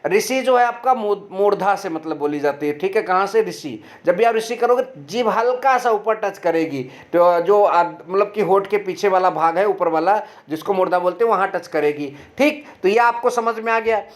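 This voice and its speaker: In an online grammar lesson, a high-voiced man poses questions and then supplies the answers himself. He stretches out every letter sound slowly and distinctly to demonstrate how it's produced, walking through the material step by step.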